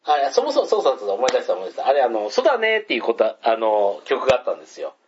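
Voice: medium pitch, wildly swooping pitch, very fast, highs cut off, over a noisy crowd. A podcast host from Kakogawa in Hyogo, chatting in an easygoing way with plenty of fillers while drinking. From Kakogawa, Hyogo, Japan. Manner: easygoing, lots of fillers and backchannels. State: drinking during recording. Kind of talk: casual chat.

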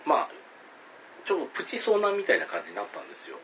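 A man telling a spooky story to a listener, hesitant with many fillers and pauses, acting out calls and voices loudly. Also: a little high, wildly swooping pitch, gravelly, a little hiss or hum, rough recording.

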